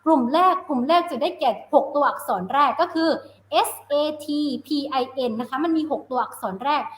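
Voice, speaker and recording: Female teacher, high voice, bilingual lesson delivery with check-in questions, echoey room. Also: moderate pace. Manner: mixes Thai and English, asks checking questions. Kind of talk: live-streamed phonics lesson. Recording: roomy echo.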